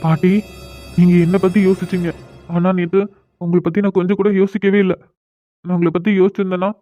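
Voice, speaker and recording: A proud, quick-tempered young man in a cartoon drama, voiced by a man. He argues fast and bluntly, with a tinny, phone-like sound. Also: sits high, dry recording, close to an everyday voice.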